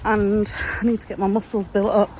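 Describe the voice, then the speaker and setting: A woman's voice: medium pitch, level tone, a little fast, a little mellow, a little hiss or hum. A woman, chatting frankly and self-deprecatingly in a casual vlog recorded on a phone held at arm's length. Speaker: vlogger.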